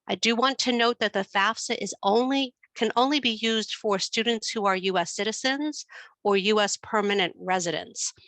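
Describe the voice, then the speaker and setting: A woman with a New York accent walks through financial aid in a webinar, explaining in a steady, patient way with plenty of ums. Her voice is bright and forward, and it comes through a computer mic on a video call with a close, dry sound. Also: mid-range voice, moderate pace, no echo. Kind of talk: informational webinar presentation.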